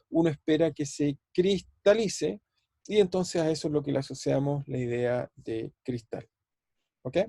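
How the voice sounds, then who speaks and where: Over a video call, a Chilean Spanish-accented physics professor teaches his university class, thinking out loud, repeating words, and asking students questions. His voice sits on the high side, warm with vocal fry, and the recording has no room sound.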